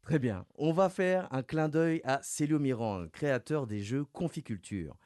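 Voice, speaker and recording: A man hosting a radio interview and running a quiz game, talking in a lively, playful way and stressing his clues. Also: medium pitch, normal speed, no echo, clean studio sound. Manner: lively, playful, announces clues with rising emphasis. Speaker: radio host. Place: radio studio.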